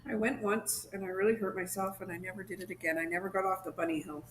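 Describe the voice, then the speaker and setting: A co-host in a casual livestream chat from home, easygoing and a bit unsure, laughing softly now and then. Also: medium pitch, steady tone, fast talker, slight background noise, poor audio. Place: home in Mexico.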